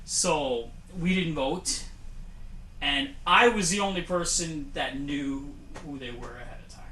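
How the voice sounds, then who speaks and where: A man with a bright, forceful voice hosts a homemade awards show in a playful, mock-grand way, sometimes restarting his sentences. He sits a little above the usual male pitch. The sound comes from an echoey home room with a faint hiss underneath. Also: measured pace. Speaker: host. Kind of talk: casual comedic awards-show banter.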